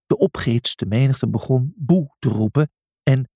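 A man's voice: medium pitch, unhurried, dark tone, husky, dry recording, studio quality. A man narrating a children's story audiobook in a dramatic, scripted style.

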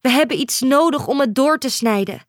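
A woman's voice: sits high, normal speed, dry recording, studio quality, close to an everyday voice. A woman voicing a brave, caring young island girl who pleads and urges in a storybook reading. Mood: pleading. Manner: urgent, pleading.

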